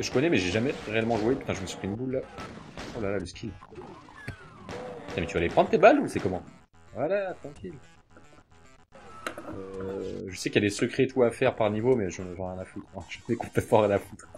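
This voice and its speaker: A young adult man giving casual, hesitant gameplay commentary, full of fillers and offhand swearing, on a desk mic with mouse clicks. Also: on the low side. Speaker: let's play gamer. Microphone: desk mic near mouse and keyboard.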